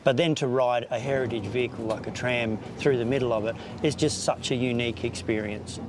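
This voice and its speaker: A man's voice: mid-range voice, steady tone, brisk, noisy background. An Australian man giving a casual interview as a tramways superintendent, earnest and detailed.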